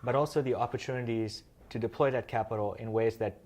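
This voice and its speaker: A man in his thirties from Kenya, a guest in an interview, explaining his work in a measured way with frequent "um" fillers. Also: mid-range voice, fairly even intonation, a little mellow. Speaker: interview guest, social finance founder. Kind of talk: conversational interview answers.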